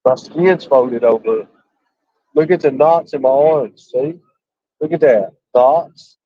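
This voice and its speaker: A man's voice: medium pitch, slow. A man in casual chat on a video call, rambling and repeating himself. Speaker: streamer on a call. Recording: muffled lo-fi call audio.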